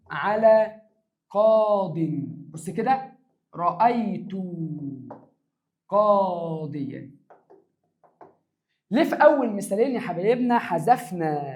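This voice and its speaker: A man with a high-sitting voice and an Egyptian Arabic accent runs a lively grammar exam review for secondary students. He stretches words for emphasis, answers his own questions, and calls the students "my dears."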